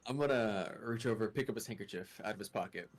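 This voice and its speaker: A young man playing a tabletop game, questioning characters in a playful, drawn-out way. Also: on the low side. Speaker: player. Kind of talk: casual tabletop game play.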